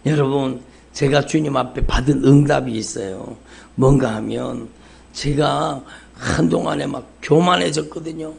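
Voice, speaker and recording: A man with a mid-range, slightly mellow voice and some vocal fry speaks without hurry. He is a pastor delivering a fervent, repetitive sermon in a church sanctuary, calling out "여러분" and "정말로" to the congregation over and over. The audio comes from a live church service stream.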